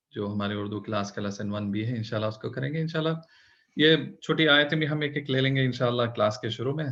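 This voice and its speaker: Patient male teacher, bright voice. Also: mid-range voice, highs cut off. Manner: patient, explaining step by step, opening with prayers. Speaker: Urdu teacher. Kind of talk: online language lesson.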